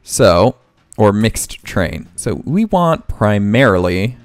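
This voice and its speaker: Here the man's fairly low voice is highly animated, yet he takes his time, and the recording has no room sound. In this relaxed let's play, he muses aloud and corrects himself mid-game over faint music from the game.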